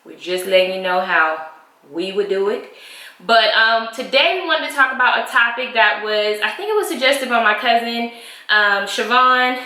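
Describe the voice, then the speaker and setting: Chatty bright-voiced woman vlogging in an echoey room. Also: a little high, expressive, normal speed. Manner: chatty, loose, with frequent ums. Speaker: co-host of a married-couple channel. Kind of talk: casual chat vlog. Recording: roomy echo.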